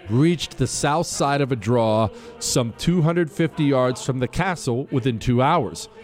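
A man's voice: on the high side, a little mellow. A middle-aged man hosting a radio talk show, moving between casual, wry asides and reading aloud.

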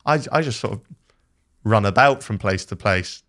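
A man's voice: lowish voice, lively intonation, moderate pace, fairly bright tone. A man, talking casually on a podcast, self-deprecating and often restarting his sentences. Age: 20s.

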